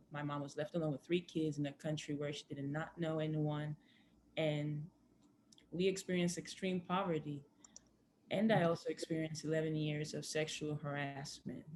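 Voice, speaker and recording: A woman's voice: deep voice, darkish tone, slight background noise. A young woman from Greece, a former college basketball player, giving earnest personal remarks on a conference panel.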